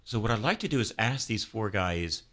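A man's voice: lowish voice, animated, normal speed, sharp tone. A man, a priest, hosting an interview, leading a prayer and speaking with fervent, preaching emphasis. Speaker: priest and host.

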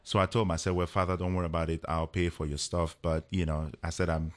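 A man, a guest telling a personal story in an unhurried way with many fillers. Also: sits low, level tone. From Cameroon.

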